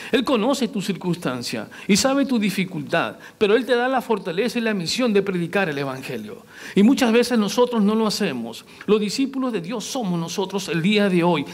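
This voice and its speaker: A man with a high, light voice preaches a sermon to his congregation. He keeps asking them questions. He slips into little acted voices whenever he quotes someone. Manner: acts out quoted lines in varied voices. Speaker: pastor.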